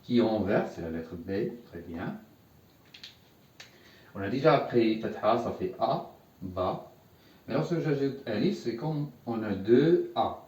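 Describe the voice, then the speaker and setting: A man's voice: fairly low pitch, animated, a little slow, mellow, highs cut off. A man teaching a lesson, patient and repeating words for learners to echo back. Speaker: Arabic teacher. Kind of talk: classroom lesson at a whiteboard. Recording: echoey room, voice from a distance.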